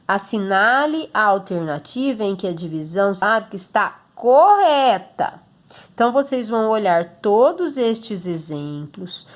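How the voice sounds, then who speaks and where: A woman with a Brazilian Portuguese accent, a teacher explaining a homework exercise to children patiently, step by step, checking in often. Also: on the high side. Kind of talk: recorded homework lesson for children.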